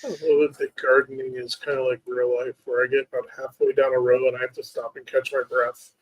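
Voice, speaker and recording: A man's voice: mid-range voice, little pitch movement, brisk, dull audio. A man co-hosting a gaming stream with casual, playful, jokey banter. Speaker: stream co-host playing the game. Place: room shared with host.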